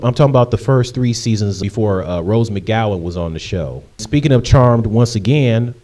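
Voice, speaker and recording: A young man in his late twenties with a lowish, mellow voice answers viewer questions in a relaxed vlog. He talks in a chatty, rambling way, repeating himself and filling pauses with ums. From Michigan, USA. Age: 20s. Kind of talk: casual Q&A vlog.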